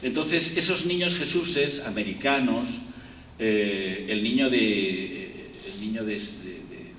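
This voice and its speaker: Speaking slowly in a fairly low, fairly bright voice, this Spanish-accented man from Spain delivers a rambling university lecture as a guest speaker, often restarting and using fillers. The lecture hall echoes, and he sounds distant over faint room noise.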